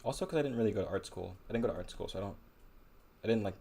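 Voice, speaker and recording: Deep-voiced guy painting on a livestream, rambly and self-deprecating, faint background noise. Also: racing, vocal fry, dark tone. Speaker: painter streaming live. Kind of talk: casual livestream chat while painting.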